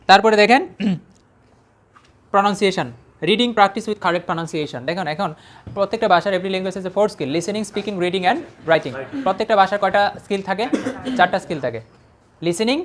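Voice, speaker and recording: A man teaching an English lesson, loudly drilling words with a class and chuckling between words. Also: high voice. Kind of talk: classroom language lesson with call-and-response drills.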